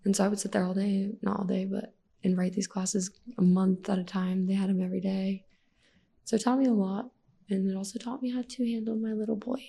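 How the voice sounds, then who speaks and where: A woman with a heavily gravelly, husky voice and a dark, mellow tone. She speaks as a podcast guest in casual conversation, telling candid stories in an animated way. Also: mid-range voice, a little fast. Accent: American. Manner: candid, animated storytelling with laughs.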